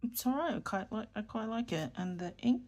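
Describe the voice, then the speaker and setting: Her voice sits on the high side, a little mellow and expressive, moving a bit fast. She's a New York fountain pen vlogger with the local accent, rambling through a casual chat as she writes in a notebook, self-correcting and murmuring while writing.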